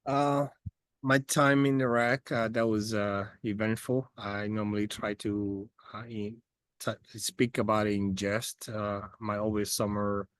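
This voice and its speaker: The guest is a man in his forties from the Dominican Republic speaking English, interviewed casually by video call from outside a house among trees. His voice is low, smooth, level, and unhurried, though full of hesitant fillers and restarts, in a dry recording.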